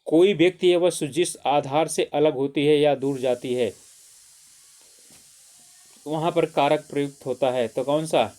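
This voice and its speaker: A man's voice: a little high, steady tone, unhurried, long pauses, dark tone. A man teaching an exam-prep grammar lesson, who keeps asking questions and answering them himself, often saying "theek hai".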